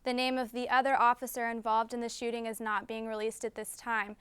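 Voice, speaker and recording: A woman's voice: fairly high pitch, level tone, fairly quick, a bit bright, clean tone, dry recording. An American woman reading scripted news as an anchor.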